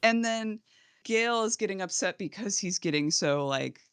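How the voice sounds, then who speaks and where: A woman's voice: medium pitch, animated, normal speed, smooth, dry recording. Woman podcast co-host, casual recap chat, laughs a lot, dry close recording. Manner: laughs often, acts out characters' lines while retelling.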